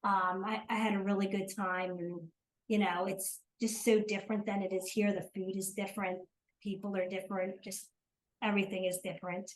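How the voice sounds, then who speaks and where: A woman's voice: medium pitch, flat delivery, brisk, low-quality recording. An older woman from South Jersey with a South Jersey accent, chatting as an interview guest, hesitant with many ums and restarts. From South Jersey, USA. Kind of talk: casual interview chat.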